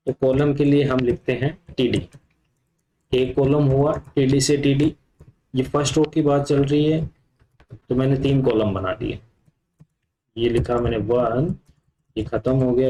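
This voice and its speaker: A man's voice: medium pitch, dark tone, a little hiss or hum, rough recording. A man teaching a computer class, explaining step by step while he types, with frequent fillers. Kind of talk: live coding lesson.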